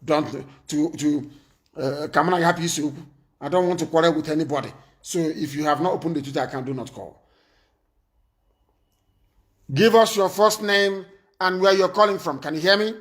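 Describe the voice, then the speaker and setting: Bossy guy running a call-in show, high-ish voice, keeps repeating himself. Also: brisk, fairly bright tone. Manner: commanding, repeats himself, scolds callers. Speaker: live stream host taking calls.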